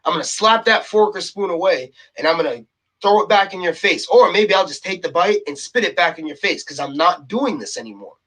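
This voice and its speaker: A man's voice: high-pitched, lively intonation, a little fast, a bit bright, poor audio. A man ranting on his own to camera, heated and exasperated, a little out of breath, who keeps repeating himself and tags his points with "okay?". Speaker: vlogger. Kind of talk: casual rant to camera.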